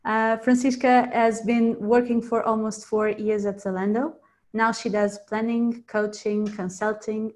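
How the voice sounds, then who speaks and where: A woman's voice: mid-range voice, a little mellow. A woman hosts an interview podcast. She opens with a friendly, read introduction and then asks her questions, repeating words here and there. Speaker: podcast host.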